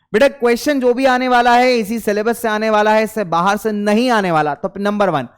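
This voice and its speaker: A man's voice: sits high, smooth. A young man teaching schoolchildren study tips, coaxing and repeating his key points, with English phrases mixed into his talk.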